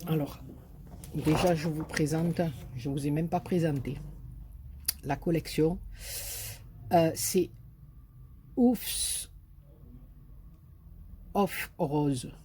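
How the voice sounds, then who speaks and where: A woman's voice: low-pitched, fairly even intonation, slow, pauses often, warm tone, slight background noise. A woman with a Marseille accent chatting casually in a craft haul video, hesitant and full of fillers, enthusiastic about what she shows. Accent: Marseille French. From southern France. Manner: enthusiastic about paper designs. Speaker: craft vlogger.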